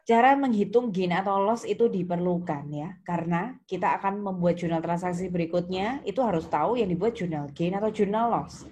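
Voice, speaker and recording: In a noisy online lesson, with keyboard typing and clicks audible, a female accounting lecturer explains the material step by step. Her voice is fairly low, warm and brisk, with hardly any pauses, and her manner is instructive as she puts questions to students and repeats their answers.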